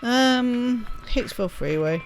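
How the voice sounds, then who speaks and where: A woman with a slightly high, expressive voice reads a game's story text aloud at a slow pace. Hosting a let's play, she adds spontaneous, casual comments while playing, and game music plays in the background.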